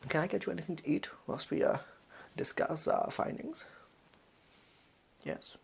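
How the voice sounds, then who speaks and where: A performer plays a shady, pompous villain in a fake posh English voice, improvised as role-play. The voice is husky and creaky, with lively swings in pitch. The phrasing is fussy, evasive and halting, as if every word is being carefully picked. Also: exaggerated voice. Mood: awkwardly hospitable. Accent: posh English, put on.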